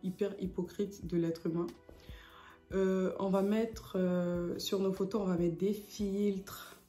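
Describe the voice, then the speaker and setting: A woman's voice: mid-range voice, level tone, takes it slowly, warm tone, echoey room, soft background music. A young woman from French Guiana talking casually to camera as a vlogger, hesitant with many fillers.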